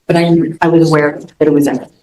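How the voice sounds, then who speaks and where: A woman defendant speaking haltingly and apologetically in court, with many pauses and fillers. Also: sits low, level tone, dark tone. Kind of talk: courtroom statement. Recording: distant echoey courtroom mic.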